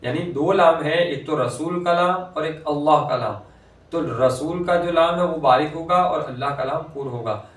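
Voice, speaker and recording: Male tutor, slightly high voice, slow drawn-out recitation between explanations, roomy distant sound. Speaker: Quran reading teacher. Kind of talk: recitation lesson explaining pronunciation rules. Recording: echoey room, voice from a distance.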